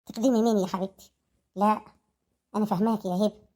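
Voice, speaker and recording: A woman playing a motherly older woman calmly advising a younger one, with an Egyptian accent. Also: medium pitch, very fast, lightly acted. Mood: soothing. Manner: soothing, advising.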